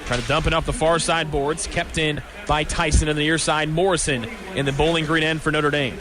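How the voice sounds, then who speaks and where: At a hockey arena during a live game, a man calls radio play-by-play in clipped, descriptive fragments. His voice is on the high side with a steady tone, and he speaks a little fast.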